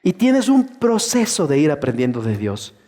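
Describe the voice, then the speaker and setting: High-voiced pastor preaching in a hall. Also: male voice, normal speed. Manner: animated preaching, acts out churchgoers' voices. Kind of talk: sermon. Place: church.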